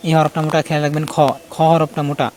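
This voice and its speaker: A man's voice: on the high side, monotone, a little mellow, a little hiss or hum. Man teaching letter sounds. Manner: repeats letter sounds slowly and points out mouth positions. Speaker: Quran recitation teacher. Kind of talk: casual spoken lesson.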